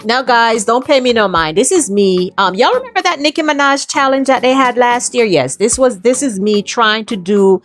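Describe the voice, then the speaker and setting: A woman's voice: fairly high pitch, lively intonation, a little fast, few pauses. Chatty Jamaican woman vlogger. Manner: chatty, addresses viewers as guys. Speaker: travel vlogger. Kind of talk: casual travel vlog narration.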